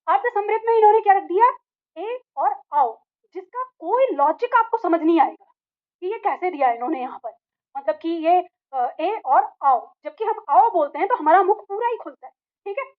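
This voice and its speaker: A woman's voice: very high voice, lively intonation, a little fast. A woman teacher explaining a lesson step by step, repeating key points and asking the class questions. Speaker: Hindi teacher. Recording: tinny, phone-like audio.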